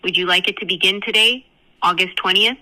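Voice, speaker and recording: A woman's voice: medium pitch, fairly even intonation, a little fast, bright, forceful tone, rough recording. A synthetic woman's voice acting as a phone receptionist, heard through a phone on speakerphone, with polite scripted customer-service phrasing. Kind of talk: booking call.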